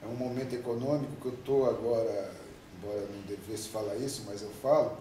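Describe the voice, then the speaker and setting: This fifty-something Brazilian man speaks on the low side, with a warm tone, fairly even intonation and a slightly fast pace. As a union president in an interview, he gives long, emphatic, meandering answers full of rhetorical questions. Faint noise, echo and a distant mic mark the recording.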